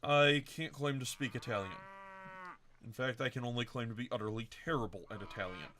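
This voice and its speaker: A man's voice: medium pitch, pushed and bright, slight background noise. Man musing through a strategy game. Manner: thinking aloud, self-correcting, unhurried. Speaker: game commentator. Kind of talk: casual let's-play commentary.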